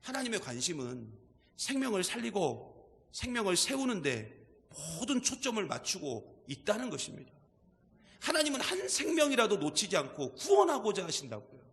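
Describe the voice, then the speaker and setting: A male pastor preaching a sermon with emphatic delivery, dropping to quiet asides and rising to shouts. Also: sits high, wildly swooping pitch, normal speed, long reverb tail. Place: church sanctuary.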